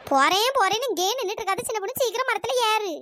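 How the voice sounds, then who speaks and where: Someone doing super high nagging cartoon village women, talking fast. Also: female voice, lively intonation, bright, forceful tone, no echo, exaggerated voice. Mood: bossy. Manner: nagging, teasing, shrill calls. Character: bickering, greedy village women after palm fruit. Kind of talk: cartoon voice acting.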